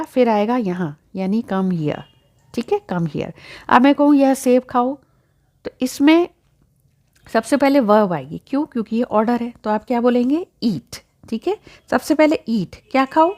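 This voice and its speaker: Female English teacher, fairly high voice, patient question-and-answer delivery. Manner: explains step by step with questions to the learner. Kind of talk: spoken English lesson.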